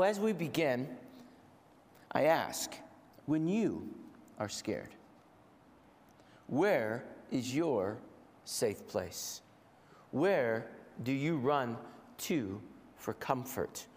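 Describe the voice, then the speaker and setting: A man with a head cold preaches a sermon to a congregation in a large, echoey hall with long reverb. His mid-range voice is gravelly and darkish, very animated yet measured and deliberate, and he repeats phrases for rhetorical emphasis.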